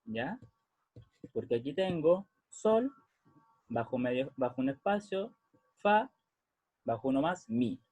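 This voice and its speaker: A man's voice: fairly high pitch, animated, takes it slowly, long pauses, a little mellow, dry recording. A man explaining music theory patiently in a lesson, often checking that the listeners follow. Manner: patient, checks understanding with frequent "¿ya?". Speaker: music teacher.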